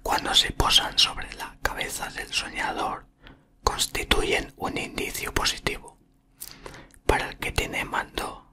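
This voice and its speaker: A man reads aloud in a breathy, unvoiced ASMR whisper with a bright, airy edge. He takes it slowly and haltingly, murmuring right up against the microphone. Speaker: ASMR content creator. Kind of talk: whispered ASMR reading from a book. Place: small room indoors. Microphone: desktop condenser microphone, very close.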